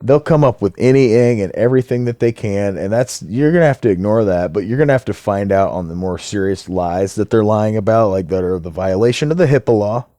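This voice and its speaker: Heated, ranting man with a low voice. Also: fairly quick, few pauses, warm tone, dry recording, clean studio sound. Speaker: vlogger. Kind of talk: casual monologue to camera.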